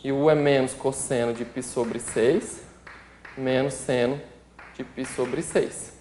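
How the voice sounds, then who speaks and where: A man's voice: medium pitch, fairly even intonation, takes it slowly, a little mellow, slight background noise. Man, brazilian portuguese accent, math teacher, step-by-step lesson, echoey room. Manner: methodical, checks in often with the listener; works through sums while writing them out. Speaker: math instructor. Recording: roomy echo.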